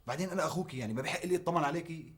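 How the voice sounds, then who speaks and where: An actor playing a protective, insistent older brother in a TV drama. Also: male voice, a little high, racing, natural voice. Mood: coaxing. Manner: coaxing, insistent, rising to shouts. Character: protective young man, pushy and anxious. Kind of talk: TV drama acting.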